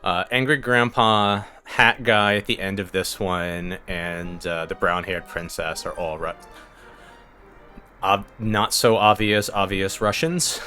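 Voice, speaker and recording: A man's voice: low voice, steady tone, takes it slowly, sharp tone, smooth, soft background music. A man hosting a casual let's play, rambling with lots of fillers and chuckles as he plays. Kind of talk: casual gameplay commentary.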